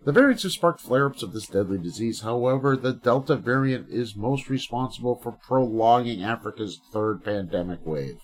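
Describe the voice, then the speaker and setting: A man's voice: medium pitch, expressive, moderate pace, hardly any pauses. Profane sarcastic man reading headlines. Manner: crude, sarcastic, swears constantly; reads headlines aloud with mock emphasis. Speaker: comedian reading the news. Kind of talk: profane news commentary podcast.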